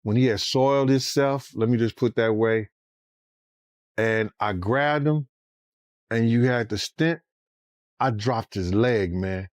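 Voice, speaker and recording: A former bodyguard telling a story in a casual interview, animated and profane, acting out the voices he quotes. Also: medium pitch, takes it slowly, long pauses, no echo, studio quality.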